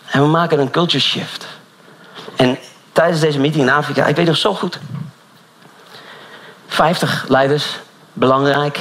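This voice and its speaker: A man preaching with personal stories, animated and storytelling, his voice often rising high. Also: a little slow, long pauses, a little hiss or hum. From Netherlands. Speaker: pastor.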